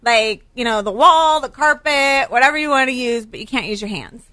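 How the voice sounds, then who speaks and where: Giggly woman co-host, high and lively. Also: moderate pace, no echo. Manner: giggly, self-mocking. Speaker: radio co-host. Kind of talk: casual studio banter.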